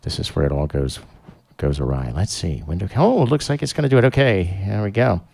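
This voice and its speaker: Gravelly-voiced man hosting a live stream. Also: deep voice, expressive, brisk, a little mellow. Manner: rambling, lots of fillers and restarts. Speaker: show host. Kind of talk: casual live-stream chat.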